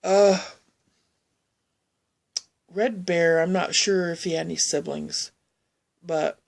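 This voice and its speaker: A woman telling a personal story in a halting, rambling way, often restarting her sentences. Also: sits low, vocal fry, a little mellow.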